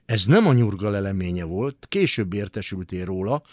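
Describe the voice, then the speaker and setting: A male narrator reads a literary story aloud with dramatic, expressive storytelling. His pitch moves in wide, lively swings. The voice sounds close and dry, as in a radio studio. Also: no echo.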